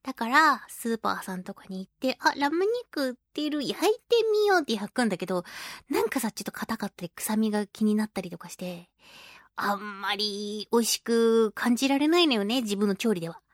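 A woman with a medium-pitched, brisk voice hosts a casual radio show, playfully chatting, laughing often and acting out the voices she quotes as she reads listener mail themes. She is a radio host and children's singer, recorded with studio quality and no room sound.

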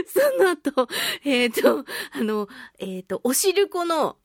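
A voice actress who hosts a talk radio show speaks in a very high voice, recorded dry in a clean studio. Casual and chatty, she tells a personal anecdote with animated, playful self-mockery.

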